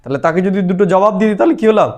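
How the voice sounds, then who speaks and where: A man's voice: sits high, racing, darkish tone. A man explaining a devotional lesson as a spiritual teacher, talking patiently and often checking whether his listeners follow. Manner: explains patiently, asks listeners rhetorical questions.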